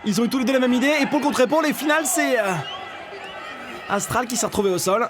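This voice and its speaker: High-pitched, cheeky lucha libre announcer man. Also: fast, crowd noise. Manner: excitable, cheeky, mocking. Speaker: wrestling commentator. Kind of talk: lucha libre announcer commentary, casual banter.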